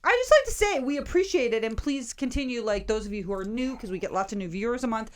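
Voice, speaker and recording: A woman's voice: on the high side, lively intonation, quick pace, a little hiss or hum. A woman co-hosting a casual podcast in a basement studio, chatty and teasing, who laughs often. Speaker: podcast co-host.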